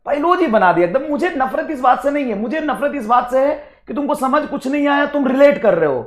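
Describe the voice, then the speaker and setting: A physics teacher scolding his class in an angry, sarcastic and blunt way, with sudden loud bursts. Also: very high-pitched, expressive, a little fast.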